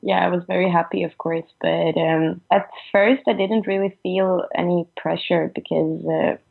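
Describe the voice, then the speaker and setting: Twenty-something swedish woman on the phone, low gravelly voice, hesitant, lots of "like", tinny line. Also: fairly even intonation. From Sweden. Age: 20s. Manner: hesitant, halting, trailing off with fillers. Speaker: musician guest. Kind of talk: phone interview.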